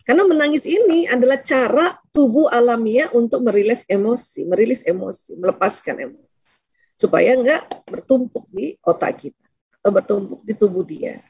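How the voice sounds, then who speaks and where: Husky, lively woman teacher. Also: a little high, moderate pace, no echo, muffled recording. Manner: lively, acts out little dialogues, laughs often. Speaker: Islamic teacher answering questions. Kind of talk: casual religious talk.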